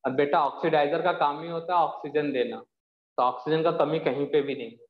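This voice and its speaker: A man's voice: on the high side, fairly even intonation, moderate pace. A man teaching a chemistry class, patient and explaining step by step while answering students' doubts. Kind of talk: live online class. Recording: echoey, dull lo-fi sound.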